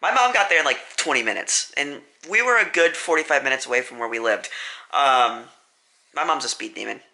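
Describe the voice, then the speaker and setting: Bright-voiced vlogger rambling. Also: male voice, mid-range voice, lively intonation, a little fast, creaky. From US Midwest. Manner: rambling, self-correcting, many fillers. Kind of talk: casual storytime vlog.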